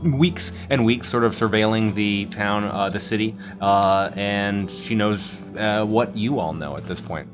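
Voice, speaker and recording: A man improvising narration as game master of a tabletop game, with halting, wordy, formal phrasing. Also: lowish voice. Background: guitar music.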